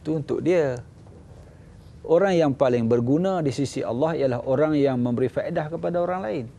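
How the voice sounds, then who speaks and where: A man with a Malaysian Malay accent, a religious teacher giving a lively sermon and acting out little scenes. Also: a little fast, creaky. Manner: animated, acts out little scenes, jumps to high voices. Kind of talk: lively sermon with acted dialogue.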